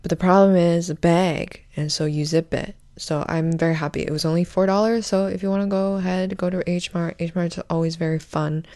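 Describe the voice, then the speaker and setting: A young woman hosting a podcast, rambling through a crude, self-mocking comedic monologue in a deadpan way. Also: on the low side, fairly quick, hardly any pauses, no echo. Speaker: podcast host.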